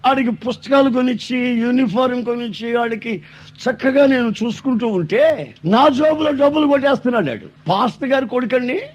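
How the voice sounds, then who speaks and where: A man preaching a sermon, telling stories and building to loud, emphatic declaiming. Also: very high-pitched, moderate pace, muffled recording.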